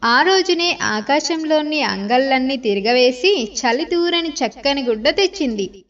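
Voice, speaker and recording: A woman narrating a bedtime story in an expressive, lively storytelling manner. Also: high voice, unhurried. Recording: slightly distant, dull lo-fi sound.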